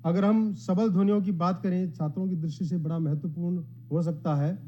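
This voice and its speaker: A man giving a formal conference lecture in a measured, explanatory way, reciting Sanskrit verses between his points. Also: high voice, steady tone, mellow, a little hiss or hum. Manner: modest, addresses the gathering. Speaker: academic speaker at a conference. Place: conference hall. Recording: dull lo-fi sound.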